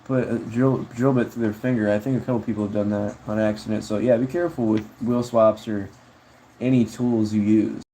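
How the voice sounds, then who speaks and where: Man, casual livestream chat, laid-back rambling, dark mellow timbre, faint background noise. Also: fairly low pitch, steady tone, a little fast, poor audio. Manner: rambling, laid-back, peppered with "bro" and "dude". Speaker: streamer. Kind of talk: casual livestream chat, answering viewer comments.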